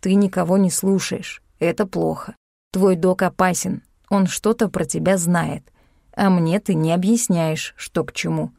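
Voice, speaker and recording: A woman reading a calm young man who talks slowly and plainly in an audiobook. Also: on the low side, creaky, no echo, studio quality. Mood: calm blunt.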